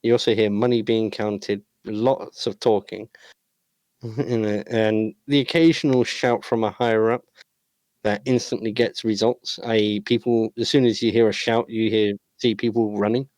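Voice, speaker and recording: A man running a tabletop session, describing scenes in a loose, rambling way full of filler words. His voice sits at an ordinary middle pitch and sounds dry and close to the mic, with no room around it. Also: steady tone, moderate pace, darkish tone, no room sound. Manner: rambling, full of uh and you know. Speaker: game master. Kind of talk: narrating a tabletop game.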